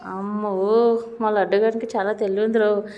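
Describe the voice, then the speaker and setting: A woman's voice: high voice, moderate pace, muffled recording. A young woman, chatting casually with a small child and coaxing answers with playful questions. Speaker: family member filming a child.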